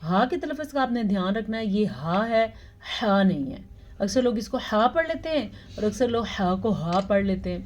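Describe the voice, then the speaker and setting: A woman teaching Quran recitation, explaining pronunciation rules and reciting verses very slowly with drawn-out sounds. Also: medium pitch, lively intonation, darkish tone. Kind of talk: tajweed lesson with slow recitation.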